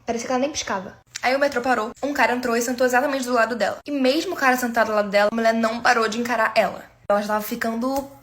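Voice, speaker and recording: A woman telling scary stories in a casual, hushed and suspenseful way. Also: fairly high pitch, steady tone, rapid-fire, few pauses. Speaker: storyteller.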